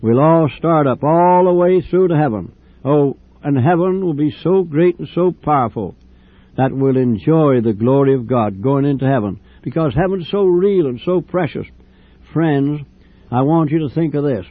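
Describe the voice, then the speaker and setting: An older man delivers a fervent, repetitive sermon in a fairly high voice. The sound is dry and tinny, like an old radio broadcast. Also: no echo. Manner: fervent, repetitive preaching with drawn-out phrases. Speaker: preacher.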